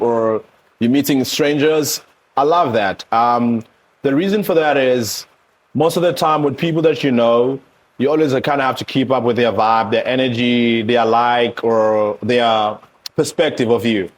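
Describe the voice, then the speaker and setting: A thirty-year-old man from Eswatini sits for a candid, casual interview. He talks openly and animatedly about himself, often slipping into quick impressions of other people's reactions in his mid-pitched voice. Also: slight background noise. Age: 30s. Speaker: interview guest.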